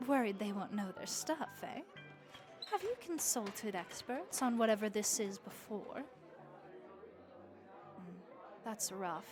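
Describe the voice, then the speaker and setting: Over music, a woman with a medium-pitched, animated voice speaks slowly with frequent pauses. She plays a sociable, worldly vampire innkeeper in a comforting audio roleplay, wry and folksy in her chatter. She sounds encouraging, helpful, and easygoing.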